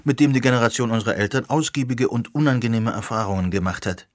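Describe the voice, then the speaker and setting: A man's voice: medium pitch, fast talker, dry recording, clean studio sound, natural voice. A man voicing a composed, middle-aged teacher explaining things in a lecturing manner. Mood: calm.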